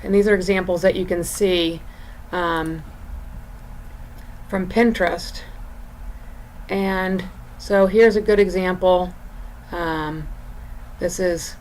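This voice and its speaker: A woman college design instructor giving an informal recorded lesson and screen walk-through, explaining in a halting, drawn-out way. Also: on the low side, poor audio. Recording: clear background room noise.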